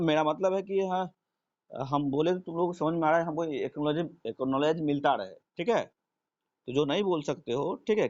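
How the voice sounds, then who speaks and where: A man's voice: on the high side, a little mellow. A man teaching a live online class, who keeps asking his students if they follow and repeats his own questions. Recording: dull lo-fi stream audio.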